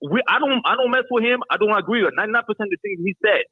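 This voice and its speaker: A man's voice: high voice, animated, rapid-fire, slightly rough, no room sound. A man from Cameroon calling in to a sports show, who keeps restarting and repeating words before he gets his point out. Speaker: caller. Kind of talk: phone-in call to a sports show. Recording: tinny phone line.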